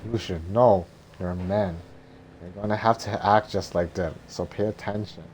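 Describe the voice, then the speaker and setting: Boastful little male dragon guardian read by a man, lowish voice, bossy and blustering, cartoon sidekick, noisy recording. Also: steady tone, normal speed, darkish tone, lightly acted. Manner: blustering, stumbling script reading. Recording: noticeable background noise.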